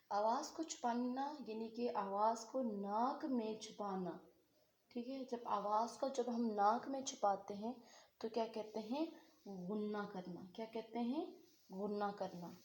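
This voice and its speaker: A woman explains Quran recitation rules with patient repetition, putting a question to the class and answering it herself. Her voice sits a little high, and the room gives it a noticeable echo. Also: a little mellow. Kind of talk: online tajweed lesson.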